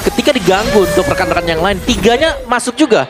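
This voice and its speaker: A man's voice: high-pitched, lively intonation, quick pace. A man working as an esports caster, explaining and analyzing the play in live commentary. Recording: game broadcast with loud music behind. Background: music.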